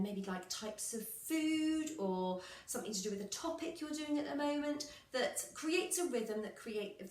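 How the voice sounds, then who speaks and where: A woman's voice: mid-range voice, a bit bright, echoey room. A woman music teacher giving a patient, encouraging recorder lesson, counting aloud and singing examples.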